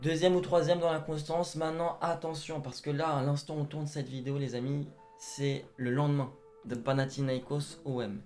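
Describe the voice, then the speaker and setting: Young male co-host, chatty and fairly high-voiced, over a soft music bed. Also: flat delivery, moderate pace. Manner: chatty, addresses viewers as "les gars". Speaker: football channel co-host. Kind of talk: casual football chat.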